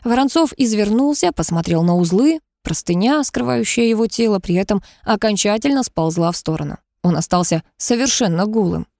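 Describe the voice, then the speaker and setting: A woman's voice: mid-range voice, lively intonation, brisk, creaky, few pauses, warm tone, dry recording. Woman narrating an audiobook, dry close sound.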